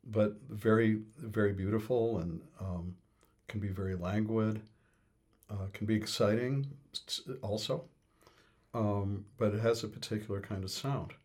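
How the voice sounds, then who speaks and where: A man's voice: fairly low pitch, fairly even intonation, measured pace, a little mellow. A man explaining music thoughtfully in conversation, hesitant with many fillers and restarts. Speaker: interviewee on music.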